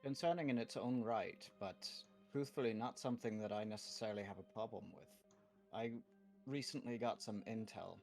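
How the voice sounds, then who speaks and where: Man, low voice, tabletop player improvising in character, deliberate and halting, music underneath. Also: darkish tone. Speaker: player in a tabletop role-playing game.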